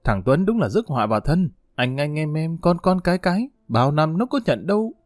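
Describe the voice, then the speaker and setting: A man voicing a sharp-tongued aunt who complains scornfully. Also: fairly high pitch, very animated, a little fast, no room sound, clean studio sound, faint music behind, pitched above the performer's own voice.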